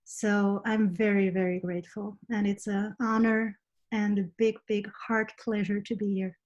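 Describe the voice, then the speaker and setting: Flat-voiced woman on dull call audio. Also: mid-range voice, normal speed. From Switzerland. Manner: earnest and grateful. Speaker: healer. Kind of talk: heartfelt self-introduction. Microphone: video call.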